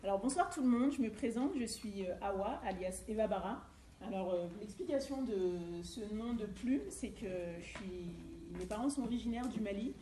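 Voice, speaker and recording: Speaking at normal speed with a warm, medium-pitched voice and lively intonation, a middle-aged Frenchwoman from Eure-et-Loir shares a personal, story-driven presentation at a seminar. She's a life coach who used to be a youth educator. Faint background noise and a roomy echo fill the indoor seminar room recording.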